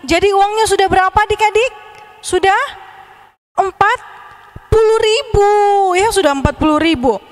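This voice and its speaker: Sunday school lady talking to the kids, super high voice, echoey hall. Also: normal speed, pauses often. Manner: lively, addresses children directly. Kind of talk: storytelling to children. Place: church hall.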